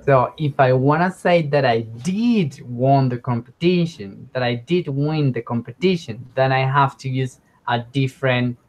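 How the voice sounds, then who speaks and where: A man teaching English informally online, explaining grammar and often checking in with a quick okay. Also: mid-range voice. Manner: frequent check words like okay; switches between English and Spanish. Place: online class with screen share.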